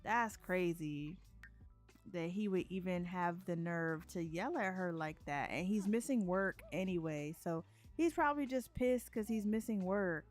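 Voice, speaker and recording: A woman's voice: on the low side, expressive, unhurried, soft background music. A young woman, chatting casually while she plays a life-simulation game and laughs often. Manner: chatty, laughs often, voices characters in asides. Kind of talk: casual let's-play commentary.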